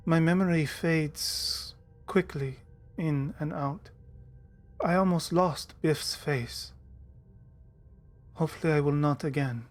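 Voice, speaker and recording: A man voicing a tiny, forgetful pixie-like spirit in a tabletop game, with a small breathy voice and a wistful, halting manner. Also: a little high. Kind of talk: tabletop game role-play.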